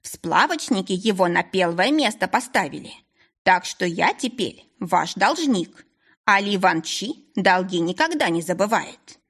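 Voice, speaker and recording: A woman doing a slow, measured older Chinese restaurant owner. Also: on the low side, very animated, fairly bright tone, breathy edge, heavily acted. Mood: earnest. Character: older Chinese restaurant owner, stern yet kindly man.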